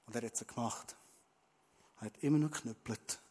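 A man preaching a sermon, emphatic and shifting between loud and hushed delivery. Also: medium pitch, fairly quick. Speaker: pastor.

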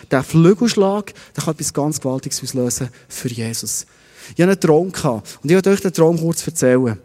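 A man's voice: high-pitched, warm tone, in a large hall. A middle-aged man preaching a sermon as pastor in a Swiss German accent, posing one rhetorical question after another.

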